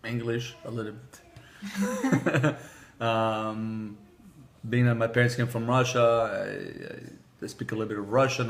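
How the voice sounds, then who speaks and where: Answering an interviewer's questions, this car sales manager, an Israeli man and native Hebrew speaker, sounds hesitant and keeps restarting, with lots of fillers. His pitch is medium.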